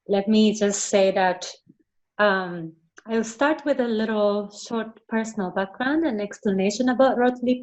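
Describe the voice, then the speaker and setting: A woman's voice: medium pitch, a little mellow. A young woman from Japan who grew up in the Netherlands, a guest speaker on a video call, polite and a little hesitant, with fillers. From Japan, raised in the Netherlands. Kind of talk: online meeting talk.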